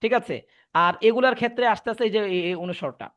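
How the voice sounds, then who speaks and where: In an online tajweed lesson, a man patiently repeats key points and checks his students' understanding of Quran recitation. He speaks quickly and expressively in a high, somewhat bright voice, with lo-fi sound.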